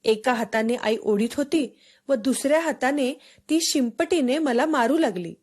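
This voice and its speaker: A woman narrating a storybook for schoolchildren in a steady, expressive read-aloud. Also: high-pitched, a little slow.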